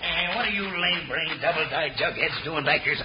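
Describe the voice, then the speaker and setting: A man acting as a crooked blacksmith villain from a radio western. He blusters and snarls in an American accent, fairly high. The old recording is dull and very noisy. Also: fairly quick, lightly acted. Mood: surly, defiant.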